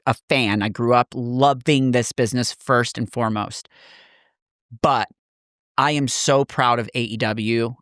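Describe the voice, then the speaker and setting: A man's voice: mid-range voice, a bit bright, clean tone, dry recording, studio quality. A man co-hosting a casual podcast, speaking earnestly and emphatically, often repeating phrases for weight. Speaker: podcast co-host.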